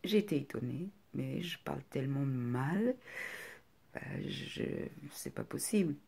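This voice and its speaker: A middle-aged woman with a non-native French accent, speaking softly and hesitantly in a confiding personal vlog, often close to a whisper. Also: extremely low pitch, expressive, unhurried, vocal fry, husky.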